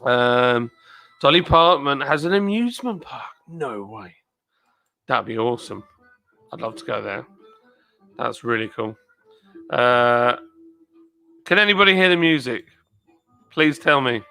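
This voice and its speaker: A chatty man hosts a late-night live chat, rambling from one thing to the next and reading out viewer comments. His voice is bright and forward. Faint music plays behind him. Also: medium pitch, animated, a little slow, creaky, pauses often. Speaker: live stream host.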